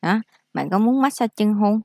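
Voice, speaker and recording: A woman teaching English vocabulary in a casual lesson, explaining slowly and repeating each word for practice. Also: medium pitch, animated, gravelly, darkish tone, no echo, clean studio sound.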